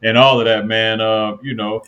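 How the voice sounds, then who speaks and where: A male podcast host in a casual interview, relaxed, often answering with short backchannel words. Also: fairly low pitch, moderate pace, dull audio.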